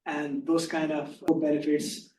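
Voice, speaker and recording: A soft-spoken man giving a slide presentation, explaining his points in an unhurried way. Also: flat delivery. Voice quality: soft-spoken, low volume. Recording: echoey room, far from mic, faint hum.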